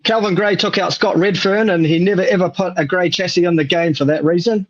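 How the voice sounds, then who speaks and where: Higher-pitched Kiwi man, dull lo-fi audio. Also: steady tone, brisk. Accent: New Zealand. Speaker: racing show guest. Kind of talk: casual anecdotes and chat.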